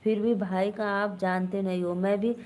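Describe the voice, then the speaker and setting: A woman's voice: mid-range voice, level tone, normal speed, a little mellow. A young woman with an Awadhi-tinged Hindi accent hosting a casual live stream, chatting with viewers and answering their comments.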